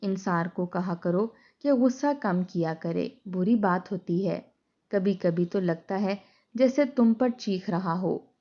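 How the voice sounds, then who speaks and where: A woman's voice: mid-range voice, slow, warm tone. A woman voicing an outspoken female neighbor who lectures bluntly. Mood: scolding. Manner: scolding, outspoken. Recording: dull lo-fi recording.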